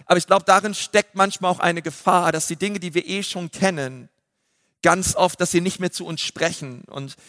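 A man's voice: sits high, moderate pace, fairly bright tone, no room sound, clean studio sound, in a large hall. A man preaching a sermon, emphatic and rising to a raised voice, with frequent calls of "hey" and invitations for the congregation to repeat lines. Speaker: pastor.

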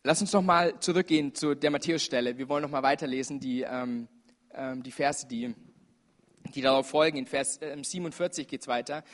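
A man's voice: mid-range voice, a little fast. A man preaching a sermon at a church service, earnest and urgent, with frequent fillers as he appeals to his listeners.

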